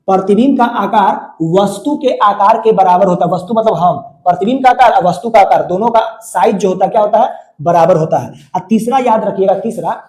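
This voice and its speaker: A man with a Bihari accent gives a classroom physics lesson, his voice high yet mellow in tone. He drills each point over and over, asking questions and answering them himself. The sound carries the echo of a bare room. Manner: repetitive, questioning students then answering himself. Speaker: physics teacher. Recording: echoey room.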